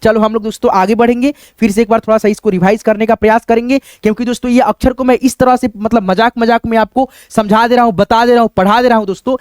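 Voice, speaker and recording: A man teaching the alphabet to beginners slowly and patiently, asking questions and answering them himself, with a friendly word for the audience in nearly every sentence. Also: extremely high pitch, fairly even intonation, darkish tone, clear, resonant tone, no room sound, studio quality.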